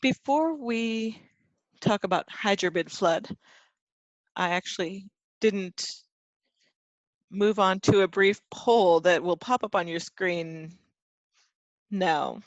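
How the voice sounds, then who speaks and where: A conference interpreter giving a live translated voice-over of a webinar presenter, with a halting, self-correcting delivery. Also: medium pitch, no echo, lo-fi sound.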